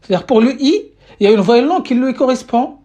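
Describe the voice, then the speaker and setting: A woman's voice: sits high, animated, fast talker, mellow. A woman giving a live-streamed Arabic lesson in French, patiently repeating questions to her viewers, with many fillers and restarts. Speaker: Arabic teacher. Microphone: phone or webcam mic.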